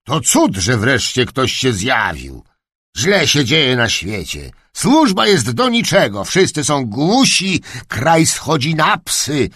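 Man playing an old duke, grumpy, half-deaf, booming, storybook reading, very swinging pitch, husky. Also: wildly swooping pitch, slow, no echo, studio quality, heavily acted. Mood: blustering. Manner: booming, shouting.

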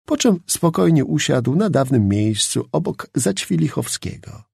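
Man, audiobook narrator, gravelly, expressive, dry close sound. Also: on the high side, unhurried, dry recording. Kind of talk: audiobook narration of a historical novel.

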